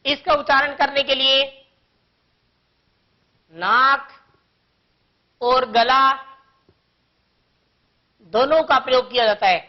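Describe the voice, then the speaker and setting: Slow, high-voiced woman teaching grammar. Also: highs cut off. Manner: slow, patient explaining with many examples. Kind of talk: grammar lesson for young children.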